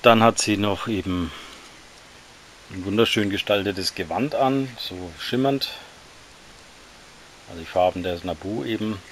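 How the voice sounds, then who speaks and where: A man casually reviewing action figures, talking in a relaxed, slightly halting way while he handles them. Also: on the low side, a little hiss or hum.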